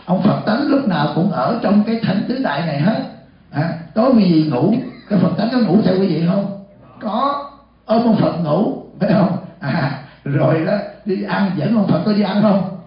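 Senior monk preaching to a live audience; raised pitch, big hall echo, muffled recording. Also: male voice, moderate pace. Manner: lively, asks the audience questions and acts out short dialogues. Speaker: senior monk giving a dharma talk. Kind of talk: sermon. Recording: echoey hall, dull lo-fi sound.

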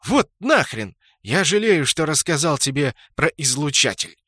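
A man's voice: mid-range voice, very animated, normal speed, sharp tone, no echo, clean studio sound, pitched above the performer's own voice. A man voicing an angry, exasperated male game admin who scolds and swears. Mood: irritated, scolding. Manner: scolding and irritated.

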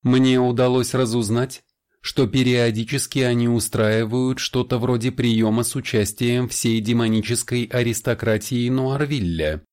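A man's voice: mid-range voice, fairly even intonation, measured pace, a little mellow, pitched above the performer's own voice, close to an everyday voice. A man putting on a smirking sly vampire. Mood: smug confiding. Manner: smirking, confiding. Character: smooth sly male vampire clan elder.

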